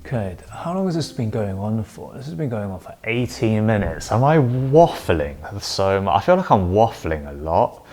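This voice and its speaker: Rambling low-voiced young man from London. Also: moderate pace, hardly any pauses. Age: late 20s. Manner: relaxed, rambling with many fillers. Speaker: vlogger. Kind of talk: casual chat.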